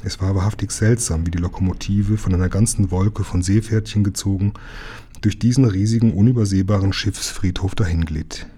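A man reading a children's book aloud, telling it calmly and evenly. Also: sits low, brisk, a little hiss or hum. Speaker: narrator.

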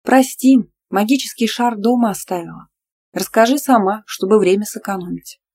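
A woman's voice: mid-range voice, normal speed, a little mellow, a little hiss or hum, pitched above the performer's own voice, lightly acted. A woman doing a dreamy, teasing student girlfriend. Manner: teasing, playful. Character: young female student, dreamy teasing best friend.

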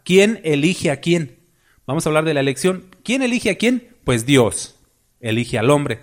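A man's voice: fairly high pitch, animated, measured pace. A man preaching a sermon, emphatic and full of rhetorical questions to the congregation.

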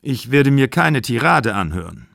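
A man playing a calm, firm middle-aged father speaking in a measured, cool way. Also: mid-range voice, creaky, dry recording, studio quality, exaggerated voice.

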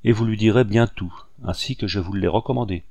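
A man voicing a cunning, scheming older woman who speaks curtly and in a hushed tone, in a dry recording. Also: on the low side, a little fast, no room sound, dull audio. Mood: persuading. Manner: curt, sharp, hushed.

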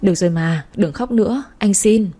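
Woman voicing a bashful male firefighter in an audio story, gentle and low-key. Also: normal speed, slightly rough, close to an everyday voice. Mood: tender. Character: gentle tired firefighter man, shy.

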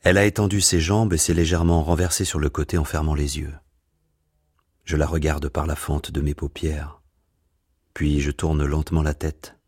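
Deep, husky male literary reader. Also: little pitch movement, no room sound, clean studio sound. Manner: hushed, measured. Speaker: reader of a novel. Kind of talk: literary reading.

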